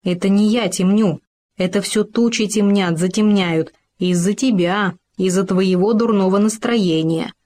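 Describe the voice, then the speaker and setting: A woman's voice: medium pitch, unhurried, darkish tone, lightly acted. A woman voicing a male hamster in a storybook, a know-it-all friend who lectures and insists. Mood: lecturing.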